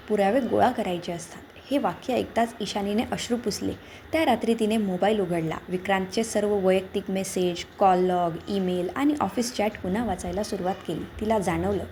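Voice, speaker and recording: A woman reads a scripted story in a calm, measured way. Her voice is warm and mellow, with a faint hiss of noise behind it. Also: mid-range voice. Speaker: narrator.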